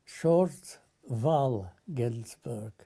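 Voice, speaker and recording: An older man from Lithuania, giving solemn spoken testimony in short, halting phrases. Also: mid-range voice, lively intonation, creaky, warm tone, breathy edge.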